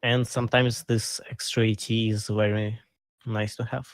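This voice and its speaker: A man's voice: fairly low pitch, level tone, normal speed, no room sound. A man co-hosting a casual card game podcast, explaining in a plain, matter-of-fact way. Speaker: co-host.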